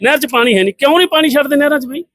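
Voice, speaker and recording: A man's voice: very high-pitched, lively intonation, rapid-fire, a bit bright, no echo. A middle-aged man giving a combative, scornful press statement full of rhetorical questions. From Punjab, India. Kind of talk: impassioned political statement to press.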